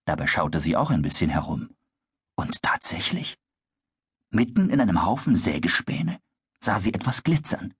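A man narrating a children's story in a calm, measured storytelling manner. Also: deep voice, husky, no echo, clean studio sound.

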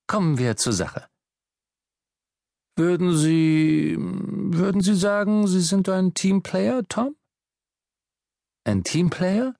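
A man's voice: high-pitched, lively intonation, takes it slowly, gravelly, pauses often, mellow, no room sound, voice pushed up, full character voice. Man doing a smug job interviewer, probing questions, slightly raised voice, dry sound. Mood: patronizing. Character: condescending male job interviewer. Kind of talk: audiobook reading.

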